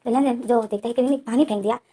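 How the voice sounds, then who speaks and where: A woman narrating a fan story casually, tumbling through events in long run-on sentences. Her voice sits somewhat high but sounds mellow and dark, and she talks very quickly. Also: fairly even intonation, breathy edge. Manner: breathless run-on narration, chaining events with "then".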